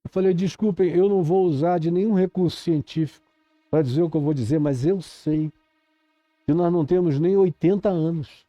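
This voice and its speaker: A Brazilian man preaching a sermon with an accent from Brazil, swinging from loud urgent pleas to low grave tones. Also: normal speed, no echo, lo-fi sound. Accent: Brazilian Portuguese.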